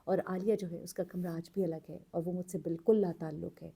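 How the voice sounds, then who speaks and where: A woman narrating a true story in an earnest, unhurried way, pausing with fillers as she goes. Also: on the low side, fairly even intonation, gravelly, mellow, slightly rough. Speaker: storyteller host.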